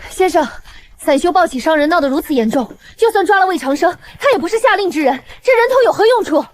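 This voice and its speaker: A loyal, earnest young swordswoman speaks quickly in a high, lively voice. The animated drama's recording carries a faint hiss.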